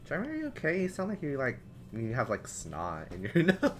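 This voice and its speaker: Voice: mid-range voice, wildly swooping pitch. A streamer narrating a story game and chatting with a co-host in a playful, teasing way. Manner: playful teasing, quick laughs.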